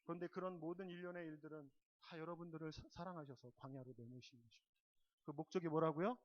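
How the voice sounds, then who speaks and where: Korean pastor preaching with surging emphasis. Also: male voice, fairly even intonation, fast talker, dull audio. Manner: swings from loud emphatic stresses to soft, low asides; asks the congregation repeated questions. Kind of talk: sermon. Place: church service.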